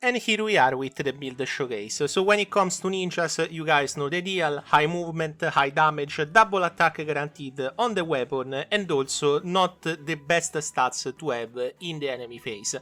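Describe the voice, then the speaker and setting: Bright-voiced man presenting a game showcase. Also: a little high, normal speed, hardly any pauses. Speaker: gaming video host. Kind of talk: casual game showcase commentary.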